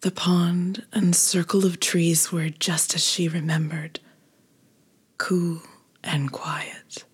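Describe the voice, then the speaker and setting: A woman reading a storybook aloud in a soft, gentle whisper. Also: fairly low pitch, flat delivery, takes it slowly, husky.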